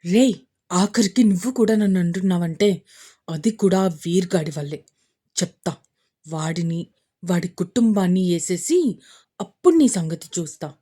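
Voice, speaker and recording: A woman voicing an angry, vengeful man who plots a killing, with a lower, threatening voice in a storybook reading. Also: normal speed, dark tone, close to an everyday voice. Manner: threatening, hissing revenge.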